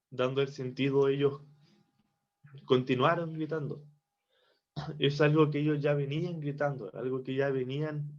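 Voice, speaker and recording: A man giving a devotional Bible teaching from Chile, reflective and repeating phrases for emphasis. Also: mid-range voice. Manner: slow, reflective, with restarts and emphatic repetition. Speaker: preacher. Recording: dull lo-fi recording.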